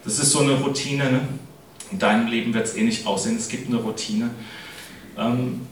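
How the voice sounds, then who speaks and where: A man's voice: medium pitch, fairly even intonation, normal speed, far from the mic, a little hiss or hum. A middle-aged man giving a casual sermon, speaking in a chatty way and often asking his listeners "ne?". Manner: chatty, keeps adding "ne?" to address the congregation. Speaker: preacher. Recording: echoey hall, voice from off-mic.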